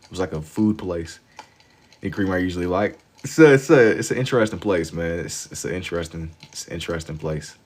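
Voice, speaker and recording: A man from Louisville, Kentucky, with an American accent and a low, fairly quick voice, hosts a livestream while drawing. He chats casually and slangily with viewers, sounding amused and often repeating phrases for emphasis.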